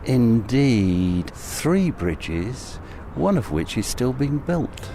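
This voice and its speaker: A British man records an unhurried travel commentary out in the city. His delivery is slow and observational, with pauses between phrases, at a middling pitch over clear traffic noise. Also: very animated, warm tone. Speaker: narrator of an audio travel journal. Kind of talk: unscripted on-location commentary. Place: outdoors on city streets and at a station.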